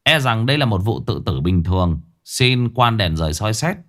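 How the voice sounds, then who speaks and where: A man doing a humble low-voiced court coroner. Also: sing-song, a bit bright. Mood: deferential. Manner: slow, humble, formal reporting.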